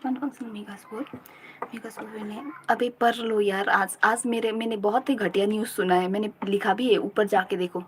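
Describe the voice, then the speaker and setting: Indian woman, young, study live stream, slow drawn-out reciting, mid-pitched voice, drills notes, chats with viewers. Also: steady tone, a little hiss or hum, poor audio. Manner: repeats notes aloud in slow drills, then chats fast in mixed Hindi and English. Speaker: student livestreamer.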